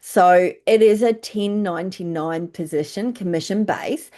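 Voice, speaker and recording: A woman's voice: lowish voice, measured pace, dark tone. An older woman with a New Zealand accent giving a chatty, informal presentation as a travel agent recruiter, with plenty of fillers.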